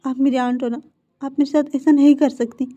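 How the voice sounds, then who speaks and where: A woman's voice: level tone, a little fast, warm tone, muffled recording, lightly acted. A woman doing a terrified young captive man. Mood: pleading, terrified. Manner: pleading, stammering, high and strained. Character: young man, frightened captive begging for mercy.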